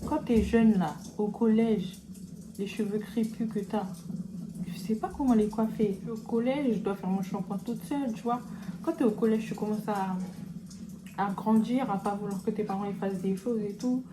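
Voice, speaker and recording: Young woman, mid-pitch, casual slangy makeup-vlog chat, noisy home recording. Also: moderate pace. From French Guiana. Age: young adult. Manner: chatty, relaxed slangy asides. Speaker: beauty vlogger.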